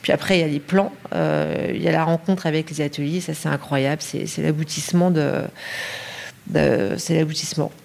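A middle-aged woman from Paris speaks as a guest on an interview podcast. She is hesitant, with frequent fillers and self-corrections. Her voice sits slightly lower than most women's. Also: steady tone, brisk, creaky, a little mellow. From Paris, France. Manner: hesitant, many fillers and restarts. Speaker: lighting designer, guest.

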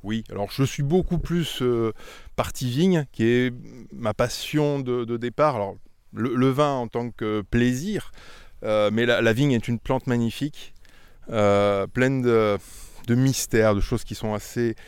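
Outdoors among the vineyards, a middle-aged winemaker from Auvergne, France, describes his vines in a casual interview. His medium-pitched voice is unhurried and clean with no echo, and he speaks thoughtfully, often repeating words as he goes.

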